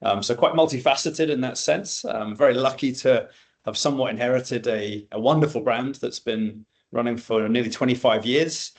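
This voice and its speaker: A man gives a relaxed introduction on a webinar panel, scattering easy ums through it. His voice sits at a middle pitch. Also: normal speed. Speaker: general manager of a coffee roastery. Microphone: video call.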